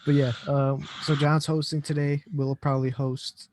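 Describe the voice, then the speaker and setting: A man's voice: on the high side, moderate pace, noisy background. Chill podcast host guy, rambly, laughs a lot, easygoing. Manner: relaxed, rambling, laughs often. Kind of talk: casual podcast chat.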